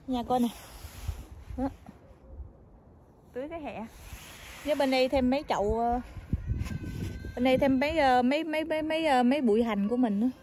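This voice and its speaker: A woman's voice: sits high, a little fast, long pauses, darkish tone, a little hiss or hum. A woman chatting casually to her viewers while filming at home, often hesitating and repeating words. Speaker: family vlogger. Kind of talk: casual vlog narration to viewers. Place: home garden outdoors, then kitchen.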